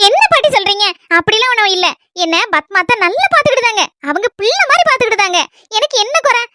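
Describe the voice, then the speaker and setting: A woman's voice: very high-pitched, sing-song, quick pace, pushed and bright, a little hiss or hum, exaggerated voice. Woman doing a sweet young granddaughter. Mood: reassuring. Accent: Kanyakumari Tamil. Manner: eager, reassuring. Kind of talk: comedy skit role-play.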